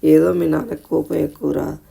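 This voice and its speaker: Gentle patient mother, read by a man. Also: a little high, flat delivery, normal speed, gravelly, husky, exaggerated voice. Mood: calm. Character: patient, gentle middle-aged wife and mother.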